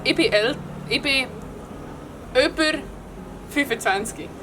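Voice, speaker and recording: A woman's voice: high voice, slow. A woman with a Swiss German accent, playing a casual guessing game in a playful, giggly way. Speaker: guest. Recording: distant mic in a noisy place with vehicles.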